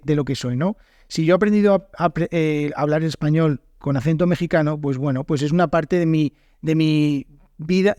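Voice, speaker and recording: A man's voice: on the high side, warm tone, dry recording. A man from northern Spain with a northern Spanish accent, hosting an unscripted podcast as a Spanish teacher and talking thoughtfully, with frequent fillers and self-corrections. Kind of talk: solo podcast monologue.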